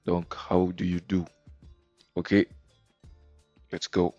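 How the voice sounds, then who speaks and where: A man teaching English greetings patiently, stopping often to check that the listener follows. His voice is low and sits in a dry, close recording. Faint music plays underneath. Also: completely flat delivery, drawn-out words, dark tone, dry recording, muffled recording. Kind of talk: explanatory language lesson.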